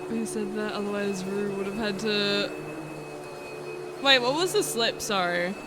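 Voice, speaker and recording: Easily amused woman streamer, bright and slow-spoken, casual chat over faint home noise. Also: mid-range voice. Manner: giggly, chatty, easily amused. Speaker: streamer playing a roleplay game. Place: home room with a vacuum running.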